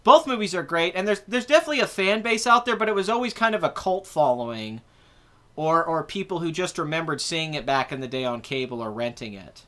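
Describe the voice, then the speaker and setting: A man's voice: fairly high pitch, lively intonation, brisk, pushed and bright. A man in his twenties hosting a casual live chat about movies, rambling and correcting himself as he answers viewer comments. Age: 20s. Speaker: host.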